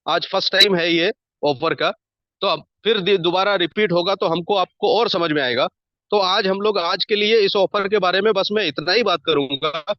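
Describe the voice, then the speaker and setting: A man's voice: high-pitched, no room sound. A man giving a persuasive, repetitive motivational talk as a network marketing team leader. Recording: dull, dry lo-fi sound.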